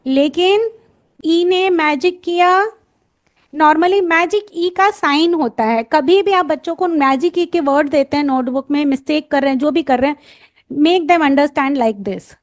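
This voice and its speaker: An Indian woman teaches phonics in a high, bright voice. She moves at an unhurried pace, stretching out each letter sound and pausing to ask the listener what comes next. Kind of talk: lesson for parents and teachers.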